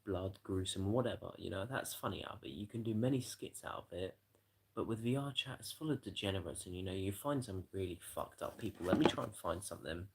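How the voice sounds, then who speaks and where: A man's voice: sits low, a little fast, creaky, slight background noise, poor audio. A tired man rambling and swearing through a late-night live stream chat, yawning as he talks. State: exhausted. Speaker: livestreamer.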